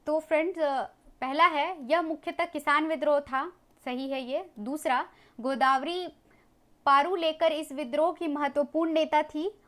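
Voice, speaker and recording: A woman teaching a history lesson, briskly working through exam questions and talking to viewers as friends. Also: sits high, fairly even intonation, fairly bright tone. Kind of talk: exam MCQ walkthrough lesson.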